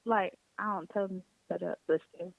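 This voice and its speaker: A woman's voice: lowish voice, normal speed, creaky, dry recording. Chatty woman over a tinny line. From Detroit. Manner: candid, animated and chatty. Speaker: podcast guest, singer and teacher. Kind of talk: casual chat.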